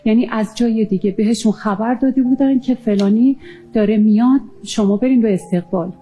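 A woman recounting a near-death experience in an earnest, halting way, often pausing with fillers. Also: on the high side, mellow, soft background music. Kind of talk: emotional personal testimony.

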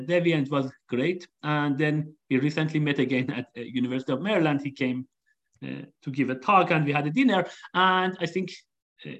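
Guy hosting a live chat, lots of uh and um, kinda high voice. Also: a bit bright, highs cut off. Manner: hesitant, many fillers. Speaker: host. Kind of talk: live online interview.

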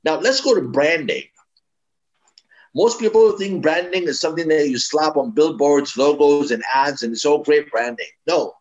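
A man's voice: on the high side, moderate pace, lo-fi sound. A man from East Africa, a branding expert being interviewed, explaining in an emphatic, advising way with frequent restarts.

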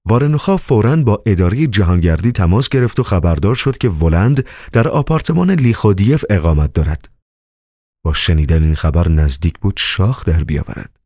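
A man narrating an audiobook novel in an expressive, dramatic reading manner. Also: low-pitched, no room sound, studio quality.

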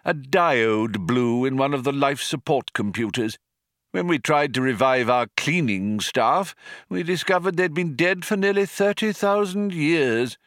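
A man's voice: mid-range voice, lively intonation, a little slow, fairly bright tone, no room sound, clean studio sound, voice pushed up. A man voicing a fussy, rambling old man who frets aloud and chats as he potters. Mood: fretful. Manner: fretful, pottering, chatty.

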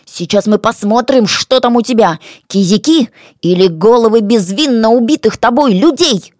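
A woman's voice: on the high side, normal speed, darkish tone, dry recording, clean studio sound, close to an everyday voice. A woman voicing a bold village boy who bosses people around while pretending to be a demon. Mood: commanding. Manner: commanding, gruff.

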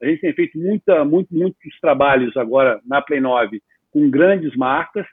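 A man in his fifties, a guest entrepreneur, talking in a casual, animated way with lots of slang in an interview. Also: a little high, moderate pace, husky, no echo. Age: 50s. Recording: tinny phone-like line.

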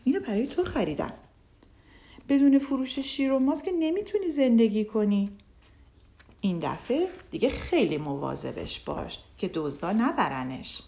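A cheerful, generous young village man in a children's storybook, speaking reassuringly, as a woman narrator puts him on. His voice is lively and somewhat high. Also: creaky.

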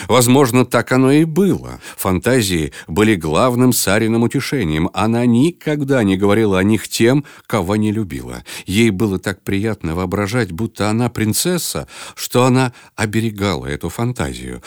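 A man hosting and narrating a children's book reading in an expressive manner. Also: lowish voice, no room sound, studio quality. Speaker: storyteller host.

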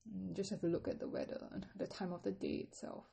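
A woman teaching a lesson, patiently explaining in English and reading out phrases slowly with careful tones. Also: medium pitch, steady tone, gravelly, dark tone, slightly rough. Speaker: Mandarin teacher. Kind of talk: podcast language lesson.

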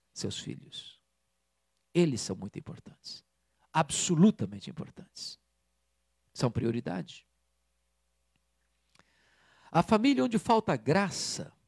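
A man's voice: on the high side, gravelly, a little mellow, dry recording, clean studio sound. A man preaching a sermon as pastor, emphatic and repeating key phrases for weight.

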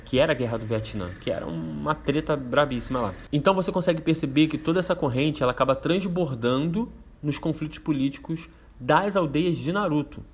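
A man with a Brazilian Portuguese accent hosting a casual explainer, laid-back and slangy, rambling with fillers. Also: a little high. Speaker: host explaining a topic.

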